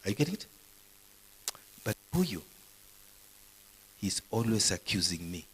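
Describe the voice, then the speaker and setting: A man's voice: fairly low pitch, big pitch swings, a little slow, a bit bright, slightly rough, poor audio. A man preaching a live sermon to university students, quizzing the audience with questions as he goes. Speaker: pastor. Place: university gathering.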